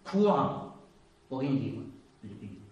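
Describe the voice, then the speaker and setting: A man in his seventies giving a sermon and telling a story, moving between loud exclaiming and quiet asides. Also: fairly low pitch, rapid-fire, distant mic, muffled recording. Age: 70s. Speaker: preacher. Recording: echoey room, voice from off the mic.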